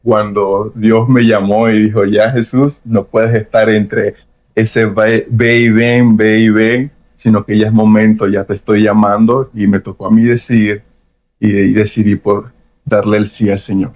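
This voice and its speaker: Earnest low-voiced Venezuelan man. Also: flat delivery, darkish tone. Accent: Venezuelan Spanish. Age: young adult. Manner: earnest, reflective, with frequent pauses and hedges. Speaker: podcast guest. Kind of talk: personal testimony.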